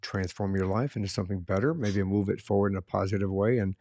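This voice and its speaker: A man hosting a podcast, reading a measured, promotional intro before interviewing his guest. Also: sits low, fairly even intonation, a little mellow, no echo, studio quality. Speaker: podcast host. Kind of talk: scripted intro then interview.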